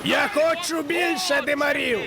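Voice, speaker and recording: A man voicing a greedy, villainous male doctor in a Santa role in a cartoon dub, shouting his demands. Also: very high-pitched, steady tone, measured pace, music in the background. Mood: greedy demanding.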